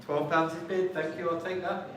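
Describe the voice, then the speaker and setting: A man's voice: on the high side, level tone, moderate pace, a bit bright. A man working as an auctioneer in a live sale, politely calling lots and repeating bids in a rhythmic chant. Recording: very echoey room, distant mic, faint noise.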